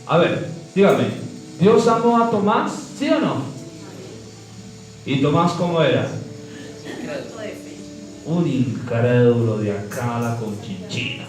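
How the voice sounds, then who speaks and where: Heard distantly in an echoing church hall over faint music, a man delivers a sermon slowly, with long pauses, in an expressive medium-pitched voice. He quizzes his listeners through call-and-response and swoops on the words he wants to stress.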